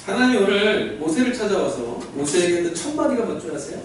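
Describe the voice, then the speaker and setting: Guy pastor preaching, high voice, lively, asks the crowd stuff, big echoey church heard from far off. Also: fast talker. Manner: animated preaching, acts out God's voice and asks the crowd questions. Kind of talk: sermon. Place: large echoey church hall. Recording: echoey hall from far off, faint noise.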